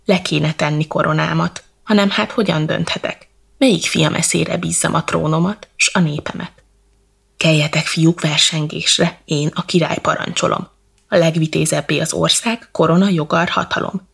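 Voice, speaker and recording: A woman voicing an old, weary king who speaks in stately, measured verse, with a gravelly, husky voice. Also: low voice, fairly even intonation, a bit bright, exaggerated voice. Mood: solemn. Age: older.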